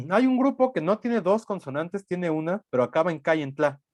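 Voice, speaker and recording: A man gives a recorded lecture in a fairly high voice. The sound is dry and close, with no room around it. He explains patiently, thinking aloud and tagging his points with quick questions. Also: a little mellow, dry recording.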